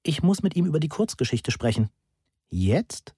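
A worried young woman on the phone who presses her questions slowly and insistently, as a male reader puts her on. The voice is dark and a little husky, close and dry. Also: fairly high pitch, big pitch swings, no room sound, pitched above the performer's own voice. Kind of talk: audiobook character reading.

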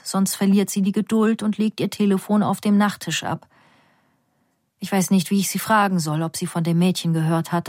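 A woman reading a first-person story aloud in a calm, measured, quiet voice. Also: fairly low pitch, no echo, clean studio sound. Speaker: reader.

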